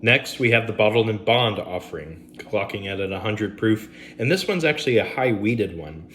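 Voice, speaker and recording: A man's voice: fairly low pitch, lively intonation, normal speed, a bit bright, slight background noise. A man, casually reviewing bourbons on camera at home, rambling with fillers and asides.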